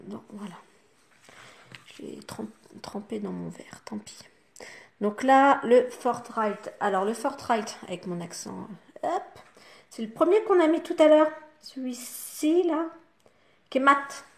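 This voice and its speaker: Une femme francophone au ton bavard, qui explique pas à pas son maquillage aux spectatrices avec beaucoup de « hop » et « voilà ». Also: female voice, sits high, takes it slowly, creaky, pauses often, a little hiss or hum. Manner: chatty, talks the viewer through each step with fillers like "hop" and "voilà". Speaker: makeup vlogger. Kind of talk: casual makeup tutorial.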